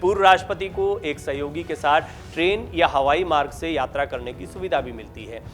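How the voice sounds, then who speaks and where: A man narrating a scripted news report in a steady, formal, explanatory read. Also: fairly high pitch, fairly quick. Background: faint background music.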